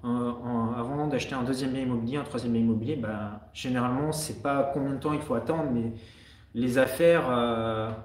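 A man's voice: medium pitch, a little fast, darkish tone, recorded from a distance. A man from France with a French accent, answering viewers' questions in a casual, direct live stream. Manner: direct, informal, many fillers. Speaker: real estate investor answering live questions. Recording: roomy sound from off the mic.

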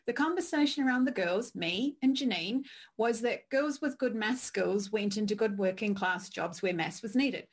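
A woman, telling her story in a thoughtful, measured way. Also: medium pitch, breathy edge. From New Zealand. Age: 50s. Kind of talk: reflective conversation.

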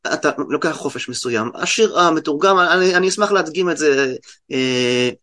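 A man with an Israeli accent explaining things conversationally as an interview guest, halting and often restarting mid-word. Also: on the high side, pushed and bright. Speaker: guest translator and poet.

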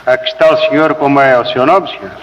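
An older man imitating a loud male announcer from an old radio comedy show. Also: fast talker, big-room sound, lo-fi sound, slight background noise, close to an everyday voice. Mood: announcing. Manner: loud booming announcer delivery.

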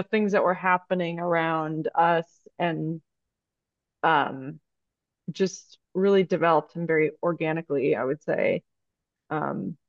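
A woman with a low, gravelly voice tells stories in a relaxed interview. She rambles, padding her talk with fillers and restarts. The recording is dry and a little dull. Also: no echo. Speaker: guest, stop motion animator. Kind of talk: casual interview storytelling. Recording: dry, dull lo-fi podcast audio.

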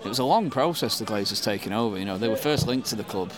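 This interviewee is a Mancunian football fan from England in his thirties, speaking casually with lots of ums and restarts as a crowd is heard behind. His voice is on the low side, expressive and quick.

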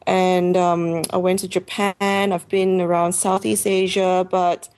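A woman in her thirties from Malaysia, a travel author answering interview questions from her apartment and pausing often with fillers. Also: fairly low pitch, level tone, darkish tone. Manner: hesitant, many pauses and fillers.

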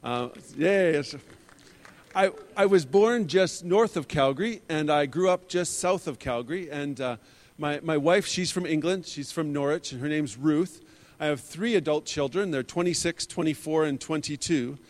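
A man in his fifties opens a church conference seminar. His voice sits a little high, and he talks earnestly, often stopping to restart and repeat his words. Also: moderate pace. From Canada. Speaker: church leader leading a seminar. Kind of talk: conference talk.

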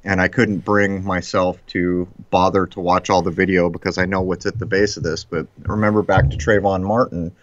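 An American man hosting a casual live-stream commentary, phrasing his thoughts in a deliberate, hesitant way over muffled call audio. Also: low voice, little pitch movement. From United States.

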